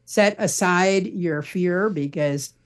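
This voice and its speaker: This middle-aged parenting blogger, guesting on a podcast, has a voice that sits high and moves slowly. He responds conversationally, explaining things in an earnest way.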